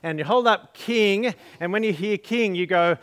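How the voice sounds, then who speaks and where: A man's voice: high-pitched, normal speed, a bit bright, smooth. A man pastor leading a Christmas story at a church service, playfully coaching the crowd through call-and-response prompts.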